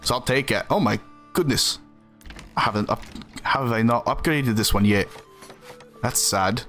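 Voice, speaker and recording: This man from the American South runs a casual live stream, playing a game while sincerely chatting with his audience and fielding their messages between gameplay. He speaks at a moderate pace in a mid-range, fairly bright voice, with soft background music.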